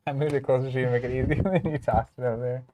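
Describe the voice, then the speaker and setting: A young man co-hosting a card game stream, trading dry, sarcastic deadpan quips. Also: medium pitch, racing, slight background noise. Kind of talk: casual playthrough banter.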